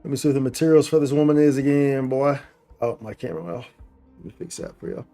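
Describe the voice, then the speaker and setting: A man's voice: mid-range voice, animated, quick pace, mellow. A man doing casual live gameplay commentary, thinking aloud in slangy, repetitive phrases. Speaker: game livestreamer. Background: faint game music.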